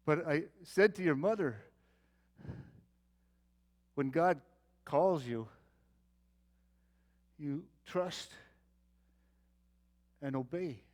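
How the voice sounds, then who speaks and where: A man with a fairly high voice plays Abraham, the weary, aging patriarch and devoted father, speaking very slowly with long pauses. It's a dramatic Bible-character monologue told with earnest storytelling, theatrical as he calls out, then turning tender and confiding.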